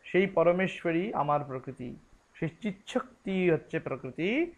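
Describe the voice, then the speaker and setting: A man with a fairly high voice gives a scripture lecture in a Bengali accent. He talks slowly and deliberately, chanting Sanskrit lines and then explaining each one. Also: animated. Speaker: teacher.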